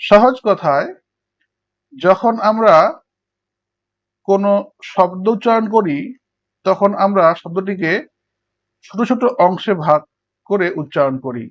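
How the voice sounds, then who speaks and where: A man's voice: sits high, slow pace, pauses often. A male teacher explaining English prosody step by step to students and working through examples. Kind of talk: Bengali lecture on English prosody. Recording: dull lo-fi recording.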